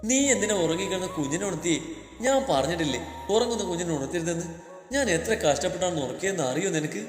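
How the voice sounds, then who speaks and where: A man voicing a sharp-tongued young mother. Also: on the high side, expressive, fast talker, lightly acted. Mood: scolding. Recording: echoey room with long reverb, faint music.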